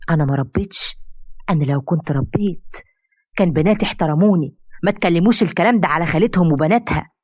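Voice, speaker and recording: A woman's voice: lowish voice, fast talker, darkish tone, husky, dry recording, clean studio sound. A woman voicing an Egyptian middle-aged mother who is easily swayed and turns harsh on her daughters. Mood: scolding. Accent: Egyptian Arabic.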